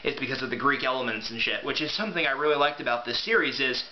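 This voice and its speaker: Speaking quickly at a medium pitch, a man casually reviews a book and reads excerpts aloud without much formality. He is an amateur reviewer and reader. Faint hiss, muffling, and an echoey room color the recording.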